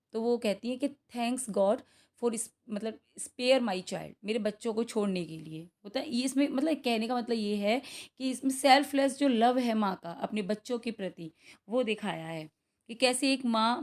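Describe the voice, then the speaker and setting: A young adult woman with an Indian accent teaching English for an exam, explaining in Hindi mixed with English, reading each question out slowly and checking in with students often. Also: a little high, darkish tone. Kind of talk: exam-prep lesson going through practice questions.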